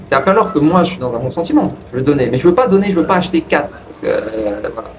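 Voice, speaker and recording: A man casually telling a personal story to his viewers in a rambling way, with frequent restarts. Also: rapid-fire. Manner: rambling, restarts, lively pitch jumps. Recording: distant from the mic with faint ambient noise.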